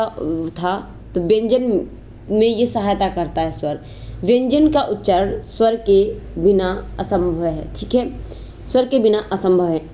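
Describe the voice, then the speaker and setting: A woman's voice: medium pitch, mellow, slight background noise. A woman teaching an exam-prep grammar lesson, explaining patiently, asking herself questions and drawling vowels to show how they stretch. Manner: explanatory, repeats "ठीक है" and asks rhetorical questions; drawls vowels long to demonstrate.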